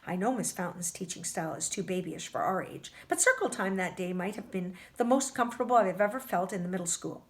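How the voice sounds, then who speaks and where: A woman reading a novel aloud for a book club, expressive and stumbling now and then over words. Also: mid-range voice, brisk, few pauses.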